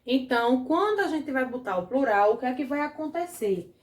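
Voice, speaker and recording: Brazilian woman teacher, higher voice, slow and patient, echoey room. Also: lively intonation. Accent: Brazilian Portuguese. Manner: patient, asks the class questions and checks with "certo?". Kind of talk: grammar lesson for children.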